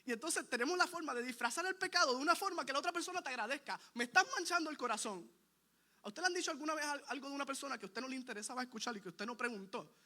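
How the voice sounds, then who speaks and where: A man with a high, bright, forceful voice preaches a sermon. He is earnest and emphatic, driving his points home by repeating them, and he turns to the listeners with direct questions. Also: very fast, few pauses.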